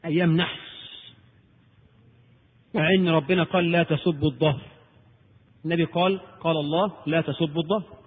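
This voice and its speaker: A man preaching a lecture in Egyptian Arabic, animated and rhetorical, asking and answering his own questions. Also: fairly high pitch, a little fast, long pauses, breathy edge. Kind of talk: recorded Islamic lecture. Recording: tinny old tape in a reverberant hall.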